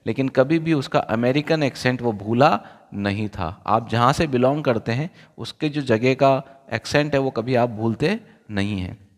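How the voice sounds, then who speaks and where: Indian man teaching in a reverberant hall. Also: medium pitch. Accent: Indian English. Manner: reads the English text slowly, then explains it in quick conversational Hindi. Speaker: English teacher. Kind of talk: line-by-line lesson explanation.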